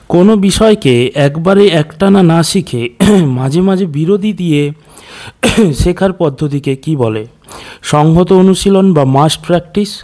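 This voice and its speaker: Guy running an exam quiz lesson, mellow voice, a bit high, clears his throat sometimes. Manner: reads questions and options, then explains answers; mixes in English terms, clears throat now and then. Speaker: exam prep teacher.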